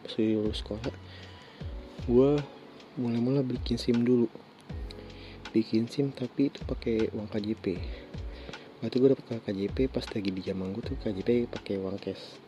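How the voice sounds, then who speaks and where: A man in his twenties with a Jakarta accent and a lisp hosts a casual solo podcast, telling personal stories in an informal, halting way with indistinct articulation. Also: mid-range voice, steady tone, dark tone. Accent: Jakarta Indonesian. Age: 20s. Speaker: podcast host. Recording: dull lo-fi sound, faint music behind.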